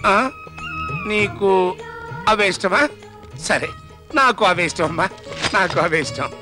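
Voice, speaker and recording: A man's voice: sits high, a little slow, over music, poor audio. An actor playing a fussy rich father in a film comedy who dotes on his daughter and complains about old-fashioned things. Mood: doting fussy. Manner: doting and then fussy and complaining. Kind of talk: Telugu film comedy acting.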